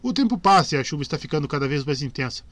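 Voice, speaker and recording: A man voicing a blunt, sharp-tongued young female archer who mocks her companions, in a dry close recording. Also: on the high side, lively intonation, rapid-fire, dry recording. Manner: blunt, mocking.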